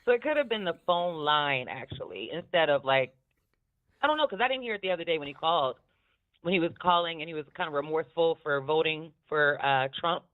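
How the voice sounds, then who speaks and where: Heard through a thin phone connection, a woman with a low, smoky, expressive voice moves fairly quickly through casual commentary on podcasts. She's frank and profane, and she laughs often.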